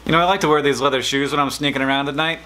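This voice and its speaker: A man's voice: mid-range voice, racing. A man in his thirties, a new father, telling dad jokes to camera in a playful comedic vlog. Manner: playful, animated joke delivery with mock dialogues. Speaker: video blogger, new dad.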